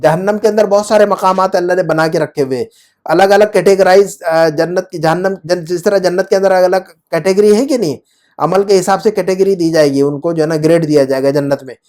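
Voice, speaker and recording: A man's voice: high-pitched, a little mellow. A man teaching Arabic grammar in Urdu, explaining patiently and often asking his student check-up questions.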